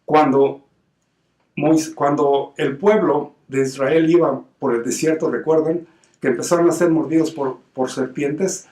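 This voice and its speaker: A man's voice: a little high, steady tone, unhurried, darkish tone, distant mic. A man with a Mexican accent preaching an informal sermon, earnest and emphatic, stumbling and repeating words as he explains his faith. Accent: Mexican Spanish. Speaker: lay preacher. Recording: roomy sound from away from the mic.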